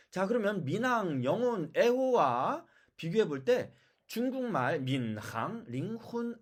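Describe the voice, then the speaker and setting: A language teacher giving a pronunciation lesson, explaining step by step and repeating example words slowly. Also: medium pitch. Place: lives in China.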